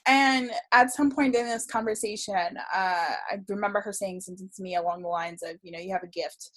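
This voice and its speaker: A woman telling stories in casual conversation, chatty and animated, laughing often and full of fillers. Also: mid-range voice, brisk. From South Florida region of the United States. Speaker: podcast guest, tarot reader.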